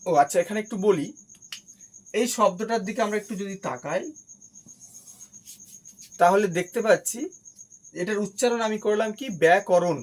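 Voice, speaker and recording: A man's voice: high-pitched, moderate pace, pauses often, poor audio. A man teaching a grammar lesson, who explains each step patiently, repeats key terms, and asks questions that he answers himself.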